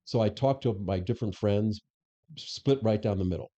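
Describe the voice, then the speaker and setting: Mellow-voiced man telling stories. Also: fairly low pitch, moderate pace, highs cut off. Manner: anecdotal, acts out quoted dialogue. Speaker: interview guest, former police superintendent. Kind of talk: conversational storytelling.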